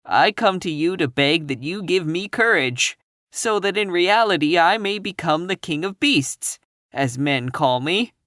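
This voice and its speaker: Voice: medium pitch, lively intonation, a little slow, fairly bright tone, no echo, clean studio sound, pitched above the performer's own voice. A reader voicing a cowardly male lion who pleads earnestly in a raised voice. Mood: pleading.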